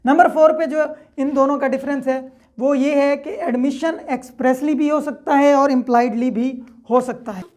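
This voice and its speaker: A woman law lecturer explains methodically, using examples, restating each point, and checking that it's understood in a didactic, step-by-step style. Her high-pitched voice is a little mellow, with fairly even intonation at a normal speed.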